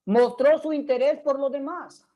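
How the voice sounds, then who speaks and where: A woman's voice: high voice, steady tone, unhurried, dull audio. A woman preaching a sermon in Spanish. She speaks earnestly and keeps turning to her listeners with direct questions.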